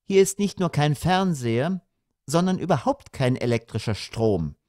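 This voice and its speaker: A man reading an audiobook voices a sharp-tongued, pointed middle-aged mother. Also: fairly high pitch, animated, normal speed, no echo, clean studio sound, pitched above the performer's own voice.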